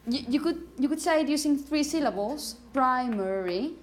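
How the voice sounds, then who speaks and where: A woman's voice: high-pitched, animated, normal speed. A woman teaching a classroom pronunciation lesson, patiently correcting students and often checking "okay?".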